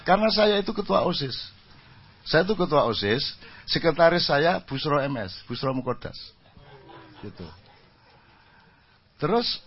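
A man's voice: a little high, slightly rough, lo-fi sound. A man with an East Javanese accent telling humorous stories at a religious gathering, self-mocking and slipping into Javanese. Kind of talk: humorous storytelling talk.

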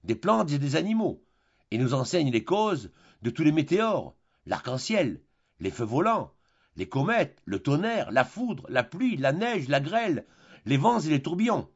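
A man's voice: on the high side, sing-song, measured pace, slightly rough, muffled recording, heavily acted. A man reading a pedantic lecturing philosopher. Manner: didactic, lecturing, listing terms methodically. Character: pedantic, long-winded male philosophy tutor. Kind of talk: audiobook reading of a classic play.

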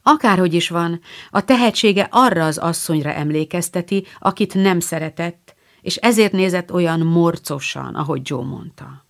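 A woman reading the lines of a gentle, wise mother in an audiobook. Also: fairly low pitch, creaky. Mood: calm.

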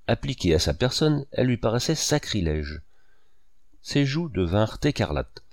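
A man reading a literary novel aloud in a measured, expressive storytelling manner. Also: mid-range voice, no room sound, studio quality. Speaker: audiobook reader. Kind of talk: literary audiobook narration.

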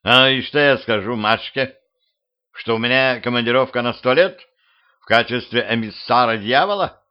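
A man's voice: medium pitch, normal speed, clear, resonant tone, natural voice. A man voicing a panicky, cheeky middle-aged man who whines and blusters, in a humorous audiobook. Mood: whining. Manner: whining, blustering. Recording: muffled lo-fi home recording.

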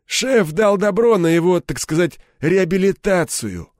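A man voicing a hard, commanding gang leader with a hoarse, curt delivery. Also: sits high, expressive, unhurried, darkish tone, no echo, voice pushed up. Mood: gruff. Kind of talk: audiobook character voice.

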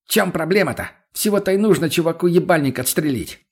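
A man putting on a cocky, foul-mouthed young thug for a storybook reading, in a raised, husky voice. He needles and curses nonstop. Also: a little high, expressive, fast talker, voice pushed up.

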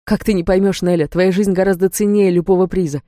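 A woman's voice: on the low side, fairly even intonation, fast talker, mellow, no echo, clean studio sound, lightly acted. A woman voicing a stern, commanding male demon lord who speaks in firm, clipped words, read as an audiobook character. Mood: tender.

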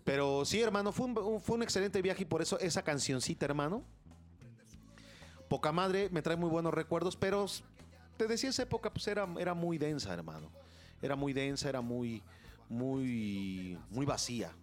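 A young man with a Mexican Spanish accent hosting a radio show, telling a story in casual, crude and animated slang and acting out the voices of the people in it. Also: on the high side, moderate pace, faint music behind.

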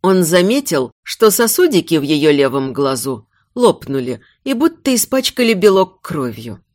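A woman narrating a scripted audiobook in an expressive, measured reading. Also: low voice, no echo, clean studio sound.

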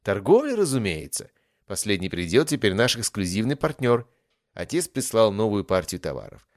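A man's voice: on the low side, big pitch swings, moderate pace, no echo, studio quality, pitched above the performer's own voice. A man voicing a haughty, teasing young noblewoman from a distant empire, in a sly, mocking lilt. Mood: playful. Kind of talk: audiobook character voice.

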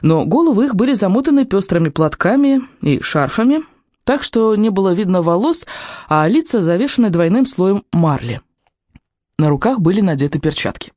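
An audiobook narrator reading a children's story in a measured, even storytelling manner. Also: medium pitch, dry recording, clean studio sound. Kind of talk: scripted narration.

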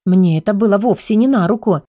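Woman audiobook narrator, mid-pitched, playful first-person storytelling, dry close sound. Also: brisk, mellow, no echo.

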